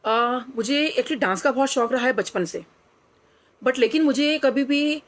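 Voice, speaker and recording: A middle-aged woman recounts a personal testimony in an earnest, reflective way. Her voice sits a little higher than most women's, and she often slips into quoted dialogue and English phrases. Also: a little slow. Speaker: devotee sharing a testimony. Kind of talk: personal storytelling.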